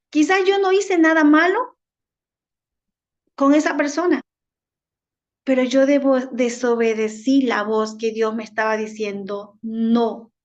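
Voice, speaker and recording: High-voiced Ecuadorian woman preaching slowly. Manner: deliberate preaching with rhetorical questions. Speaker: minister. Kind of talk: sermon. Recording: dull lo-fi recording.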